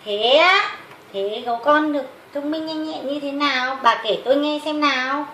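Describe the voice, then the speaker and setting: A doting, exclamatory father bear played by a woman in a children's puppet tale. He is proud and affectionate. The voice is high, in a roomy, noisy recording. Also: normal speed, sharp tone. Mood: impressed. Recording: roomy echo with clear background noise.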